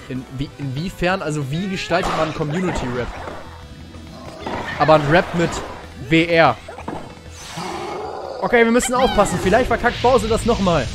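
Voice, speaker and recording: A young man streaming and commentating a tennis video game for his chat in a casual, jokey way, with sudden excited shouts. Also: on the high side.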